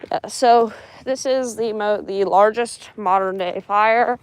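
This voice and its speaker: A woman's voice: mid-range voice, slow, clear, resonant tone. A woman vlogging as she walks through a burned cemetery outdoors, talking to herself with dry, sarcastic asides. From Spokane, US. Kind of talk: casual vlog narration while walking.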